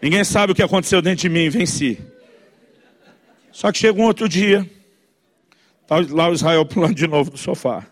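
A man's voice: a little high, normal speed, long pauses. A man, preaching as a pastor and telling a family story, acting out the voices in it. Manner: animated, acts out voices of his inner self. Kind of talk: storytelling sermon.

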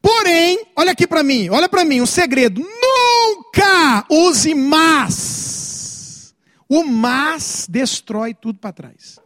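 A middle-aged Brazilian man preaching a sermon as pastor, with an animated delivery and frequent calls to the congregation. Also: very high voice, normal speed, hardly any pauses, dry recording, clean studio sound. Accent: Brazilian Portuguese.

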